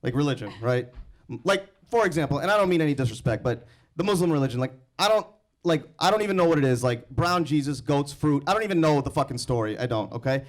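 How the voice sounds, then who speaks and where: Stand-up comic, young man from India, brash crowd-work energy, a touch high-pitched. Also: expressive. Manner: brash, teasing, quick crowd banter. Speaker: stand-up comedian. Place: comedy club stage. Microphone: handheld microphone.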